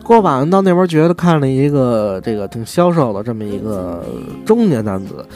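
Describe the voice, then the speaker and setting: A man's voice: medium pitch, big pitch swings, moderate pace, darkish tone, faint music behind. A man with a Beijing accent telling a long personal story in casual monologue, acting out the dialogue in a chatty, wry way. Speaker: podcast host.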